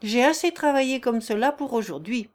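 A woman's voice: fairly high pitch, animated, normal speed, a little mellow, pitched above the performer's own voice, lightly acted. Woman reading as a hearty, blunt peasant. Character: brusque, cheerful strong male peasant worker.

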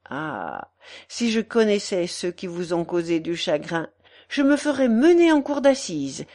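A woman's voice: a little high, a little mellow, voice pushed up. A woman voicing a brash, gushing middle-aged concierge who talks in an effusive, wheedling, theatrical way.

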